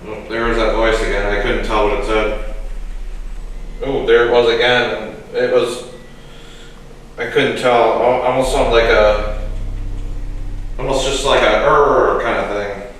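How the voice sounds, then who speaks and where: Slow, halting man in an echoey room. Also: medium pitch, little pitch movement, a bit bright, slight background noise. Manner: halting, unsure, trailing off. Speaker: paranormal investigator. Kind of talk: relaying and recapping a spirit session. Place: inside an old lodge building at night. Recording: echoey room, mic at a distance.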